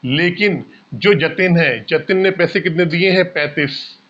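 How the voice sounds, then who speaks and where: Calling his students "bhaiya," a man leads an exam-prep maths lesson, explaining each problem step by step and answering the questions he raises. His voice is on the high side and fairly bright, and he talks a little slowly. The recording is muffled, with a little hiss or hum.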